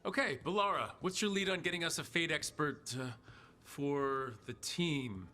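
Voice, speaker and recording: A man's voice: on the high side, normal speed, bright, forceful tone. An actor playing an assured, businesslike male team leader in a fantasy video game. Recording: music under the voice.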